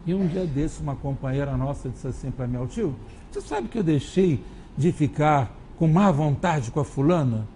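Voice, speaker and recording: A man with a Brazilian Portuguese accent giving a spiritist lecture, conversational, moving between low musing and lively quoted voices. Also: moderate pace, slight background noise. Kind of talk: lecture with anecdotes. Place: lecture hall.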